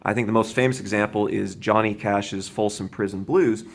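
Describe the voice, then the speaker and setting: A man teaching drums, explaining a beginner beat and counting aloud with a steady, patient manner, often checking in with "right?". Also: lowish voice, normal speed. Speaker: drum teacher. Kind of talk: instructional demonstration. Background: drum kit playing.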